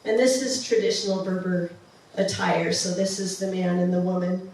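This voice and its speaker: A woman's voice: fairly low pitch, fairly even intonation, moderate pace, darkish tone, slight background noise. A woman giving a casual, enthusiastic slideshow talk, with many ums and restarts. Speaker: presenter of a travel slideshow. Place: museum presentation room. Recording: far-off mic in a very echoey room.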